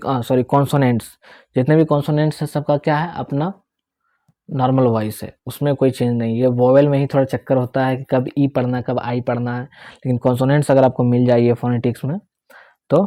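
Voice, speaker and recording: Heard in clean studio sound without any room sound, a young man's dark, mid-range voice guides students through English pronunciation in Hindi with some English. He breaks things down step by step, repeats the key words, and frequently asks "theek hai".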